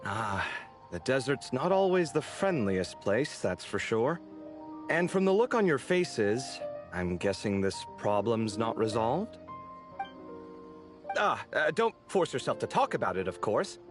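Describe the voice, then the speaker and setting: An actor playing a friendly, earnest young male architect in a video game, who talks easily and apologizes readily. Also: medium pitch. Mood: concerned. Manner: warm, expressive and talkative, quick to apologize. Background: soft game music.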